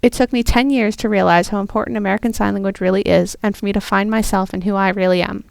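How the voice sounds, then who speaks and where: A young woman, a student interpreter, voicing a first-person story in an earnest, steady way. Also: mid-range voice, quick pace, gravelly, clean tone, dry recording. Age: young adult.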